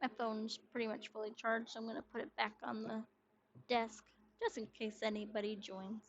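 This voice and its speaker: A woman's voice: a little high, flat delivery, normal speed. A young woman streaming a game, chatting casually and humming sleepily to herself between reads. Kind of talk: game playthrough commentary. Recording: dull lo-fi sound.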